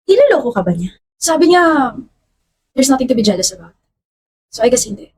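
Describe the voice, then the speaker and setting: A higher-voiced woman acting a jealous girlfriend. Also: sing-song, brisk, a little mellow, slight background noise. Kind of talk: acted Filipino short drama, multiple roles.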